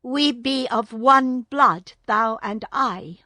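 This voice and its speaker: A woman's voice: fairly high pitch, slow, pushed and bright, no room sound, studio quality, pitched above the performer's own voice. A woman voicing Mowgli, an earnest young boy raised by wolves, speaking in an eager, raised voice.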